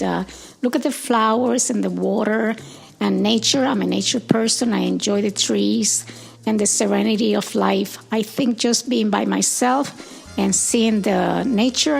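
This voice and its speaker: An older woman in her seventies with a deeply gravelly, creaky voice that sits a little high. She recalls her life unhurriedly, pausing now and then to find the words, with soft music faint behind her. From Puerto Rico. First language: Spanish. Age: 70s. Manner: gentle, unhurried, with thoughtful pauses and "uh"s. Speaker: interviewee, grandmother. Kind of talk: reflective storytelling.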